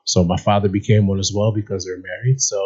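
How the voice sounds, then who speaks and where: A man born in Nigeria and raised in upstate New York speaks as an interview guest, his voice low and husky. He explains earnestly, and the recording is a bit dull. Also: flat delivery, fast talker, a little mellow. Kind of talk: casual interview.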